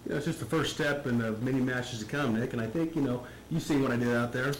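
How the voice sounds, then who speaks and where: A man's voice: mid-range voice, fast talker. An American man, a wrestler giving a casual promo interview, earnest and repetitive with many verbal fillers. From Las Vegas, United States. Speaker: professional wrestler being interviewed. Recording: roomy, echoing recording with faint noise.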